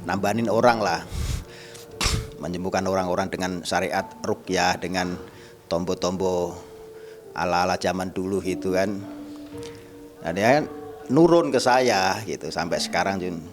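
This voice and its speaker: A man's voice: low-pitched, unhurried, long pauses, music in the background. A man telling a personal story casually, acting out the dialogue as he goes. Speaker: guest storyteller, spiritual healer.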